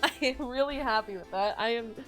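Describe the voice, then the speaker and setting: A woman giving casual gameplay commentary as she plays and voices characters, excitable and amused by herself. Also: on the high side, a little fast, faint music behind, low-quality recording. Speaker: game player voicing the characters.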